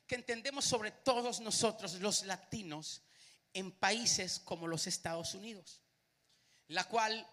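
A man preaching a live sermon, animated and speaking to the crowd with frequent questions. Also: high-pitched, long reverb tail.

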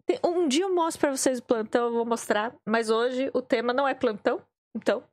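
Brazilian woman streamer, high bright voice, lively storyteller who plays out every quote, dry close mic. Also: fairly quick, dry recording. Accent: Brazilian Portuguese. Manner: animated, acts out quoted voices with big pitch jumps. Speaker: live streamer. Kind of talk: casual livestream storytelling. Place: at home.

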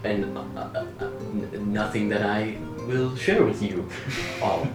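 A man's voice: lowish voice, takes it slowly, over music. Man, tabletop player, playful, loose explaining, roomy echo. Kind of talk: casual in-character play.

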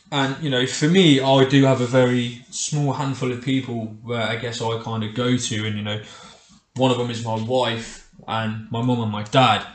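A middle-aged man hosts a solo podcast in a casual, conversational way. His voice sits at an ordinary male pitch and rings with the roomy echo of a home kitchen. He addresses the listener directly, as if chatting one to one. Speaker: podcast host. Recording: echoey, roomy kitchen sound.

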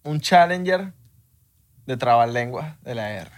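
A man co-hosting a podcast in casual, playful banter with quick comebacks. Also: mid-range voice, animated, dry recording. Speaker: podcast co-host.

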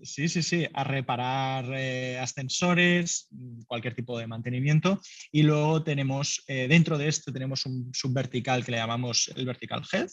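A male startup founder answers business interview questions loosely and conversationally, full of fillers and light laughter. His mid-range voice is fairly bright at normal speed, and the recording is dry and muffled with no room sound.

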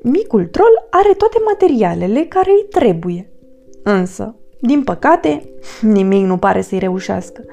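Female storybook narrator, expressive and animated, soft music under her. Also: mid-range voice, vocal fry.

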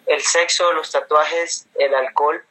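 A man with a bright, forward voice pitched a little high speaks casually as a guest. His coastal Colombian accent is fairly neutral, softened by an inland touch. He tells his stories in a conversational way. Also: steady tone, measured pace, low-quality recording. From Colombia, Caribbean coast. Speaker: interview guest.

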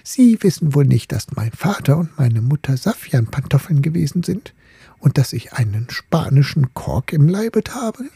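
A man voicing a haughty, coy little ball, a proud lady, in a fairy-tale reading, prim and partly breathy. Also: fairly high pitch, sing-song, moderate pace, warm tone, no echo, voice pushed up, exaggerated voice.

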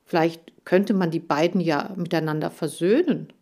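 A woman's voice: fairly low pitch, normal speed, mellow. A woman voicing an easygoing young schoolboy who speaks plainly and agreeably. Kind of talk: audiobook character voice.

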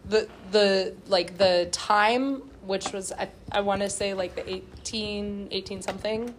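A woman's voice: mid-range voice, steady tone, a little slow, a little hiss or hum. A woman leading a casual discussion, asking follow-up questions. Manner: inquisitive, asks follow-up questions.

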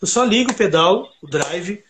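High-voiced man rambling. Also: normal speed, a little hiss or hum. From Brazil. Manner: rambling, animated storytelling with many fillers. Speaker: recording engineer, guitarist. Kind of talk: casual podcast chat.

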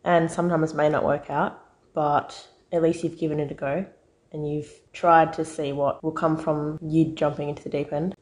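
A woman's voice: low-pitched, level tone, moderate pace, a little mellow. A young Australian woman, a guest in an interview, talking earnestly and encouragingly about her own experience. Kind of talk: casual interview chat.

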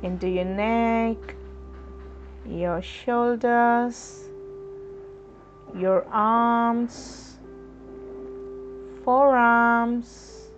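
A woman leading a guided chakra meditation in a slow, soothing, instructive way. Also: a little high, fairly even intonation. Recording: dull lo-fi recording with soft music.

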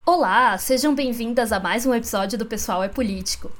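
A woman's voice: a little high, fairly quick, over music. Casual Brazilian woman co-hosting a podcast. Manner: conversational, frequent tag questions. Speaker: podcast co-host.

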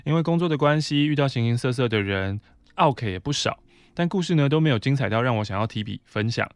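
A man's voice: mid-range voice, expressive, fast, clear, resonant tone, dry recording. Taiwanese man reading a letter aloud. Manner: conversational reading with brief asides. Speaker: podcast host.

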